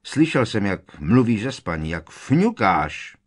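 A man's voice: fairly low pitch, big pitch swings. A man voicing a sullen, sneering teenage bully who snaps and growls his retorts. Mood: taunting. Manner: sulky, snapping, growling retorts.

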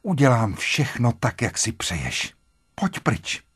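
A man's voice: mid-range voice, huge pitch swings, fairly bright tone, slightly rough, no echo, clean studio sound, heavily acted. A man reading an audiobook voices a frightened young wife who begs her husband desperately. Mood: pleading, frightened. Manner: imploring, breathless urgency.

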